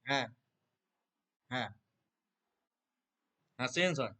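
A man's voice: mid-range voice, expressive, sharp tone. A man earnestly explaining how he pronounces verses, talking in a loose conversational way and checking that the listener follows. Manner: earnest, repeats filler words, chants verses rapidly in recitation. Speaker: Gita reciter. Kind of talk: conversational interview answers.

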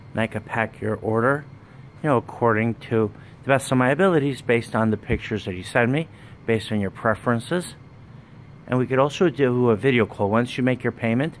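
Phone in hand and out of frame, a wholesale business owner tours his indoor warehouse of dress racks, pitching stock steadily and plainly, item after item. His pitch is ordinary and mid-range. A faint hum runs in the background.

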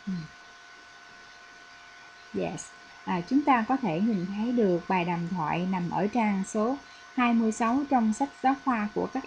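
A woman's voice: fairly high pitch, slight background noise, poor audio. A woman from Vietnam, an English teacher, explaining a lesson patiently with frequent fillers. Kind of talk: recorded classroom lesson.

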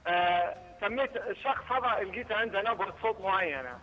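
A young man with a Libyan accent, a media student, calls in to a TV show by phone and talks in a halting way while he searches for his words. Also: sits high, expressive, lo-fi sound. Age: young adult. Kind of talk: phone interview. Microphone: phone call.

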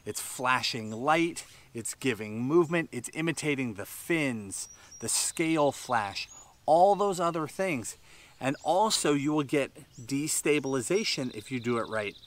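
A fishing instructor in his thirties sits on a bass boat outdoors near a tree-lined shore, giving a tutorial. He explains things with lively, animated hand gestures while sweating in the heat. His voice is medium-pitched and his pace unhurried.

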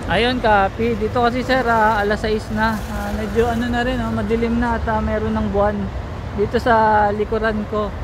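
Man, Filipino accent, high pitch, casual radio-check chat, radio jargon, noisy outdoor recording. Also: flat delivery, moderate pace. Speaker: host making a radio range test. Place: outdoors in South Korea, near trees.

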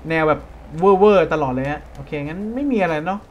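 A man's voice: fairly high pitch, slight background noise. Chatty Thai man narrating gameplay. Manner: chatty, jokey, quick startled exclamations. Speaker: gaming streamer. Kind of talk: casual let's-play commentary.

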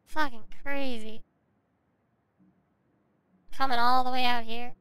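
A woman's voice: a little high, steady tone, slow pace, a bit bright, clear, resonant tone, no echo, low-quality recording. A woman streamer giving casual gameplay commentary, sarcastic and swearing freely.

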